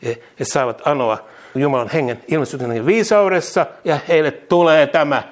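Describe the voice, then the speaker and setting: A man preaching and leading prayer, repeating each phrase twice with bursts of laughter and exclamations. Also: on the high side. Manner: fervent declarations, calmer teaching later. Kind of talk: charismatic sermon and prayer.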